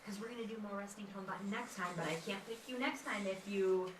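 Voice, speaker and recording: A woman's voice: mid-range voice, quick pace, very noisy. A woman leading a kindergarten music lesson, chanting and singing simple tunes and coaxing the children in a sing-song teacher voice. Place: indoor classroom. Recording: echoey room, voice from far off.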